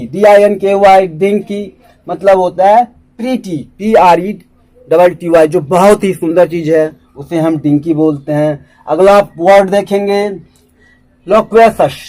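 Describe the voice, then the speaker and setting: A man with an Indian accent teaching English vocabulary in Hindi, spelling each word out and repeating it slowly. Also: high voice, a little mellow, rough recording.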